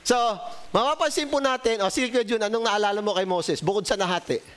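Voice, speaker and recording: A man's voice: sits high, fairly quick, a bit bright, clean tone, low-quality recording. A man with a Filipino accent preaching an interactive Sunday sermon, calling on members by name and joking with them. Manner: calls on congregation members by name, jokes, asks questions; polite Tagalog with frequent po and ho. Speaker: pastor.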